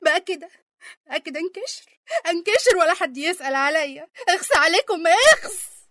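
A woman playing a loud scolding Egyptian grandmother. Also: high voice, sing-song, fast, dry recording, clean studio sound. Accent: Egyptian Arabic.

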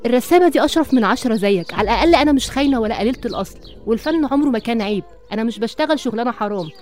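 Woman doing a fiery egyptian painter lady, firm, rapid talk, bit high, music under. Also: expressive, close to an everyday voice. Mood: indignant. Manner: indignant, firm. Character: proud young woman painter, firm and indignant. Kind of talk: radio drama acting.

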